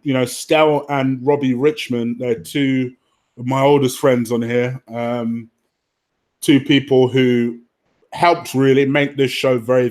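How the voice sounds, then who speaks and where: On his football fan show's livestream, a man rambles to viewers in a frank, informal way, peppering his talk with swearing; his voice sits in the middle range with a darkish tone.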